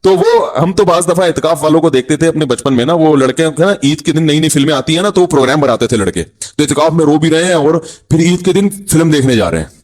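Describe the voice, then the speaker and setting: A middle-aged man with a Pakistani Urdu accent gives a humorous sermon, often mimicking people in a lowered voice. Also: lively intonation, fast, hardly any pauses, a little mellow. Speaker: Islamic preacher.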